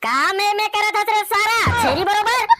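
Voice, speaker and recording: A man with a Chhattisgarhi accent voicing bickering, teasing village youths in a cartoon comedy, squeaky and sped up. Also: animated, moderate pace, very noisy. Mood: squabbling. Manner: bickering, mocking, repetitive. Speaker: cartoon voice actor. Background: loud background music.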